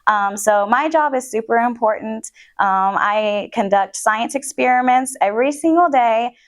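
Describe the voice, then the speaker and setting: A woman's voice: a little high, unhurried. A young woman being interviewed about her chemistry job in a casual, chatty way, full of ums and likes. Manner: chatty, many ums and likes, laughs often. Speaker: interviewee, water quality chemist.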